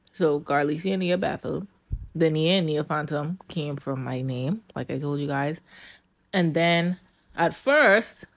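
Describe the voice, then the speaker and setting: A young woman with a fairly low voice runs her podcast alone, chatting in an easygoing way and laughing readily as she addresses her listeners directly. Her audio is dry and close-miked with no echo, and rain can be heard behind her.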